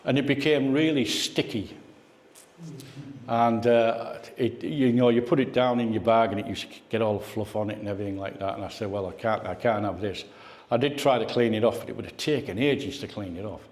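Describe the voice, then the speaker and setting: A man with a lowish, slightly mellow voice speaks briskly. He's giving an informal guest talk at a club meeting, chatting, reminiscing and putting questions to the room, captured in an echoey indoor hall.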